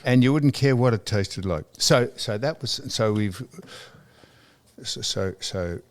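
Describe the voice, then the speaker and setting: An Australian man co-hosts a podcast, chatting casually and wandering through stories full of stammered restarts and repetition. His voice is lowish and his pace measured.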